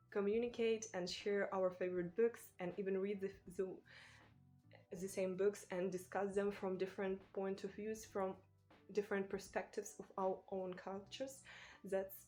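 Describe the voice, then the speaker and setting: A woman from Ukraine with a Ukrainian accent, a native Ukrainian speaker, talking casually to camera as a booktuber in a thoughtful, halting way. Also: medium pitch. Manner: thoughtful, halting, with small restarts and soft laughs. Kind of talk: casual vlog talk to camera.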